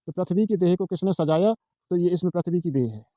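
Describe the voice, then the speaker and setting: A man's voice: high voice, quick pace, mellow, dry recording, clean studio sound. A man giving an informal exam-prep tutorial. He repeats himself, asks his own questions and answers them, and points along a page line by line. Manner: walks through a page, pointing at lines.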